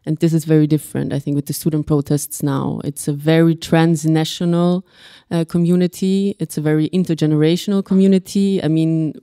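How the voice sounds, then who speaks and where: A woman's voice: low voice, little pitch movement, a little fast, warm tone, clear, resonant tone, no room sound, clean studio sound. A young woman from Austria speaking earnestly as a panelist, restarting phrases as she thinks aloud. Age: young adult. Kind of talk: panel discussion.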